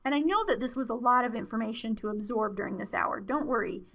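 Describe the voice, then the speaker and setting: A woman's voice: a little high, fast talker, creaky, fairly bright tone. A woman presenting a webinar in a friendly, conversational way with frequent fillers, her voice wearing out. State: losing her voice.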